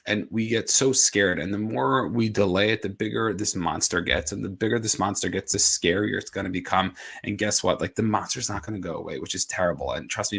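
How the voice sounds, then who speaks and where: A man's voice: lowish voice, gravelly, a bit bright, husky. A man giving a casual motivational talk, rambling a little with restarts and filler words. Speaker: motivational speaker.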